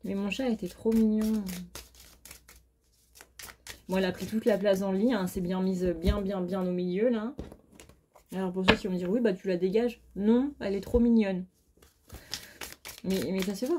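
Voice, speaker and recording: A tarot card reader, exhausted and short on sleep, gives a casual, chatty reading in a mid-range voice with fairly even intonation at normal speed. She's blunt and informal, swears mildly, leaves long pauses, and the background is noisy.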